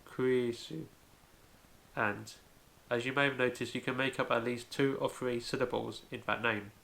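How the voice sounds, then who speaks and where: A man with a gravelly, creaky voice at a middle pitch teaches a home-made language lesson. He explains carefully, one step at a time, and often opens with "so". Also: fairly even intonation, a little fast, pushed and bright. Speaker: language video host.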